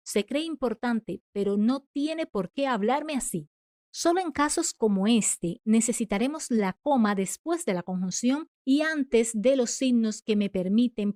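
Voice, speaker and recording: Woman teacher, slightly high voice, calm scripted lesson with lively read-out examples, dry close sound. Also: no room sound. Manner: clear, measured explaining, acting out example sentences. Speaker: writing teacher.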